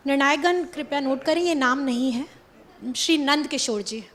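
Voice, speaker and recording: High-voiced woman formally hosting a stage event. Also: moderate pace, a bit bright. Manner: polished, formal phrasing. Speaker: stage host.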